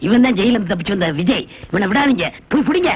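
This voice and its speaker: A man's voice: high voice, animated, fast talker, slightly rough. An actor playing a put-upon male assistant who whines, pleads and talks back to his boss. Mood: insistent. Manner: whining, cheeky retorts, pleading "sir". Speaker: comic sidekick in a film scene. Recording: lo-fi old film soundtrack with faint music.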